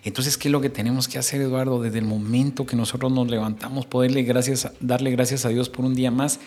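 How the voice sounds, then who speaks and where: A man's voice: mid-range voice, little pitch movement, quick pace, darkish tone. Middle-aged male host, preachy. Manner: preachy, addresses listener directly, acts out little quotes.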